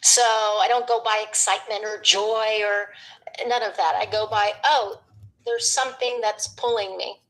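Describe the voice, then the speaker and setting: A middle-aged woman, a former radio DJ, talking as a guest in a rambling, animated way, acting out what people said to her. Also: mid-range voice, a little slow, rough recording. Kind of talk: reflective conversational chat.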